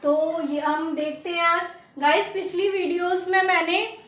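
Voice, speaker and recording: A very high-pitched woman from India teaches a lesson at an unhurried pace. She repeats each word and asks the viewer to say it back, and the room gives her voice a clear echo. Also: little pitch movement, a bit bright, faint music behind. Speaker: French teacher. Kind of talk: language lesson.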